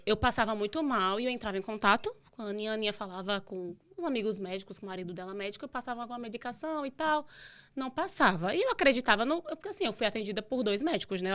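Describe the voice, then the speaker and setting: A young woman, a podcast guest telling a long personal story in a casual, animated way. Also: mid-range voice. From Brazil. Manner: animated, acts out dialogue in her retelling.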